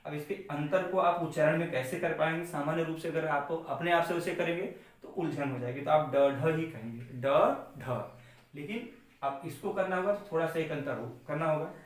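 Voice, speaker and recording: A man teaching a lesson on letter sounds, slowly explaining and answering his own questions. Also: on the high side. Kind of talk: classroom lesson on pronunciation. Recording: far-off mic in echoey room.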